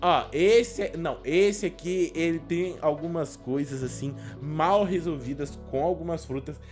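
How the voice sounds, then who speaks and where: A young Brazilian man giving casual, slangy reaction commentary as a gaming YouTuber, expressive and prone to exclaiming. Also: on the high side, moderate pace, soft background music. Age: young adult. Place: small indoor room at a desk.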